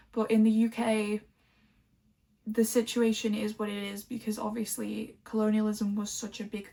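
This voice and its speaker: A woman from Liverpool chatting casually about books she collected, rambling and filling pauses with "um" and "like". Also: fairly high pitch, creaky, dark tone. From Liverpool, England. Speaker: book vlogger.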